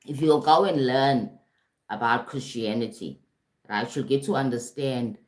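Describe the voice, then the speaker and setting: A woman's voice: extremely low pitch, measured pace, a little mellow, reverberant. A South African woman, a life coach, giving a casual live-streamed talk and often checking in with "right?" and "you understand?". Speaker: life coach and motivational speaker. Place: home in Durban, streaming.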